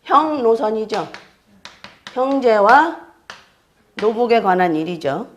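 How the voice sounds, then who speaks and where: Lively, questioning woman lecturer. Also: on the high side, lo-fi sound, a little hiss or hum. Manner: keeps checking students with quick questions; explains step by step and repeats key terms. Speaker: fortune-telling astrology teacher. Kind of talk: classroom lecture.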